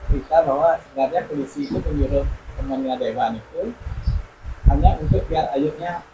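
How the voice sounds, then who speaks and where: A man in the audience speaking up hesitantly, in short halting phrases. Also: fairly high pitch, reverberant, background noise. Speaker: audience member.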